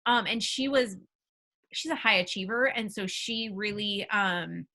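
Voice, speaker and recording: A woman's voice: medium pitch, measured pace, sharp tone. A woman on a panel, a homeschooling parent, talking candidly and rambling a little. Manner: candid, rambling, laughs easily. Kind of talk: casual panel discussion.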